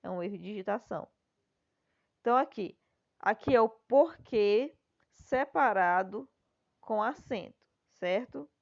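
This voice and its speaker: A woman's voice: mid-range voice, expressive, unhurried, creaky, long pauses. A Brazilian woman schoolteacher with a Brazilian Portuguese accent, patiently walking her class through the answers to an exercise and checking in with them as she goes. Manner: patient, explanatory, often checks with "né?". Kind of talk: recorded class lesson, explaining answers. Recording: dull lo-fi recording.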